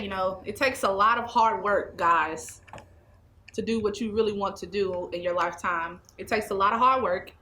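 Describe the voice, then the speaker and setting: Twenties, woman, bright tone, emphatic interview guest. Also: medium pitch, a little hiss or hum. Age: 20s. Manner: emphatic and preachy, repeats phrases. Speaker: interview guest, anger management specialist. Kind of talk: casual interview talk. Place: small indoor studio set.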